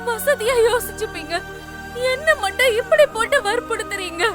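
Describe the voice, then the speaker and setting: A woman's voice: extremely high pitch, expressive, moderate pace. An actress playing a young woman who cries and pleads desperately against her forced marriage. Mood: tearful. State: crying. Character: tearful young bride refusing her marriage. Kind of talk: TV serial acting. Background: background score music.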